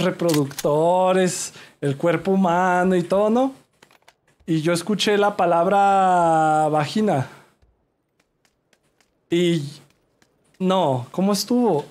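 A young Mexican man streaming a game, rambling and joking with his chat and reacting loudly. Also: sits high. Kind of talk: casual livestream chat.

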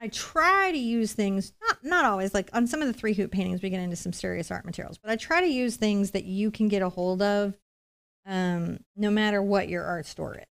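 Leading a live painting lesson as host and instructor, a middle-aged woman speaks in a smooth, clear, medium-pitched voice with a brisk, fairly bright tone. She keeps it conversational, walking through each step as she works and dropping in chatty, reassuring asides.

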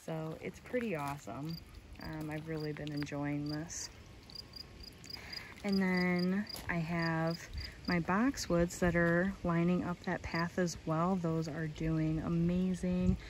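A woman's voice: lowish voice, steady tone, slow. A young woman chatting casually as she tours her backyard garden on a phone camera, enthusiastic and full of "um"s. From Michigan. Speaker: gardening vlogger. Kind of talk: casual garden tour narration. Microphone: handheld phone camera. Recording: outdoor phone audio with insect noise. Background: crickets and outdoor ambience.

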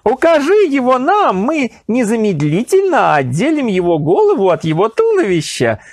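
A man's voice: very high-pitched, huge pitch swings, normal speed, no echo, clean studio sound, pitched above the performer's own voice, exaggerated voice. A man voicing an impatient haughty emir. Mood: imperious. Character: imperious impatient male emir, ruler.

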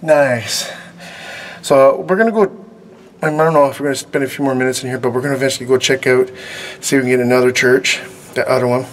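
A middle-aged man hosts a casual night exploration vlog at an ordinary male pitch. His talk is informal and joking, picked up on a handheld camera with noticeable noise around him. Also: fairly even intonation, fast. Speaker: host of urban exploration vlog. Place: dark abandoned building and outdoors at night. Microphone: handheld camera at arm's length. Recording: noisy handheld camera audio on location.

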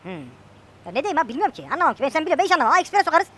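A woman's voice: high voice, big pitch swings, rapid-fire, fairly bright tone. A woman chatting casually and joking with a friend while playing a farming game. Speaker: gameplay streamer.

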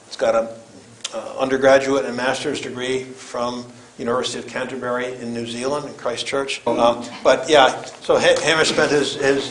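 An older man giving an informal introduction as event host, in a halting, rambling way. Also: medium pitch, a bit bright. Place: lecture room, standing away from camera. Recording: echoey room with background noise.

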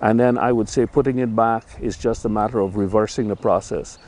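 An older man casually reviewing a camping chair outdoors by a lake on a lapel mic, talking in a relaxed, rambling way with lots of fillers. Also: lowish voice, a little fast, a little hiss or hum. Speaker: gear reviewer.

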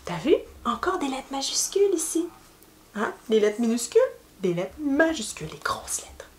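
A woman's voice: high-pitched, big pitch swings, normal speed. A woman with a Québécois French accent, a speech therapist reading a children's picture book aloud with sound effects and little asides to the child.

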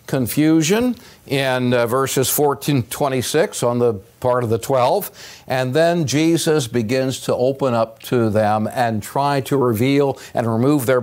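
An older man preaching a sermon as pastor, earnest and emphatic, with pauses and rising stresses, recorded on a pulpit microphone in a church sanctuary. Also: medium pitch, darkish tone. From United States.

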